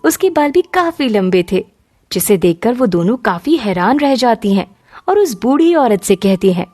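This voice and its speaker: Female storybook narrator, even and mellow, slightly high. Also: moderate pace, faint music behind.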